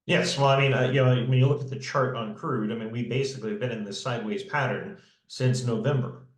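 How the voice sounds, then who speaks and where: A man co-hosting a podcast, explaining markets in a measured way with many fillers. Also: medium pitch, steady tone, echoey room, low-quality recording. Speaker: podcast co-host. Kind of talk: casual market analysis.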